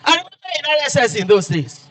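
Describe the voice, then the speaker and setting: Nigerian male lecturer, very high and bright voice, emphatic repetitive oratory. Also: big pitch swings, fast talker, poor audio. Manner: emphatic oratory with repeated phrases. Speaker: guest lecturer. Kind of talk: formal public lecture.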